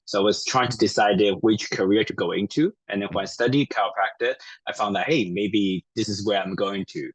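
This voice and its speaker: A man's voice: fairly low pitch, a little fast, hardly any pauses, breathy edge, no room sound, poor audio. A man from Taiwan, a native Chinese speaker, talking as a guest chiropractor in a casual interview, friendly and hesitant with many fillers.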